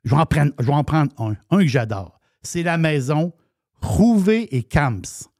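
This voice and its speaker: A chatty man with a Québécois French accent, talking about wine on the radio in a slightly high voice. He restarts and repeats his words often. The studio sound is dry and close. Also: animated, moderate pace, darkish tone, no room sound. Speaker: wine columnist. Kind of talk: casual radio chat.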